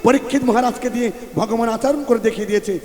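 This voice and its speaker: A man's voice: very high-pitched, fast talker, darkish tone. A man preaching a devotional sermon, telling a story animatedly and calling out rhetorical questions to the audience. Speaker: kirtan preacher. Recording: echoey hall with faint music.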